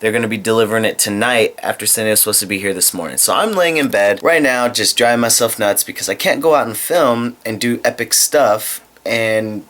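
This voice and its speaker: A vlogger in his twenties lies in bed and chats casually to his camera, rambling candidly with a self-deprecating streak. His lowish voice has a fairly bright tone, runs a little fast with few pauses, and is picked up by a handheld camera mic.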